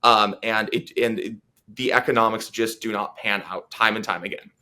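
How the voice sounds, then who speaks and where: Bright-voiced man, earnest policy guest. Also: on the low side, steady tone, moderate pace. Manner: earnest, many fillers and restarts. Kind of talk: political interview commentary.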